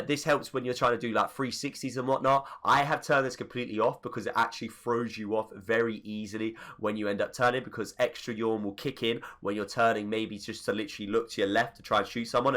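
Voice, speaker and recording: A gaming YouTuber with a mid-range, fairly bright voice, stuffy and congested from a cold, narrates a casual voice-over tutorial on game settings, chatting and wandering off into rambling asides.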